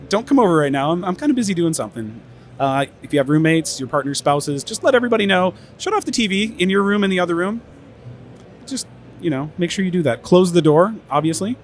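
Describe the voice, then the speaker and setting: Speaking from an audio trade expo stage, a man with a voice on the high side gives an informal conference-style talk. He sounds somewhat tired from many interviews and often uses fillers and restarts, with slight background noise present.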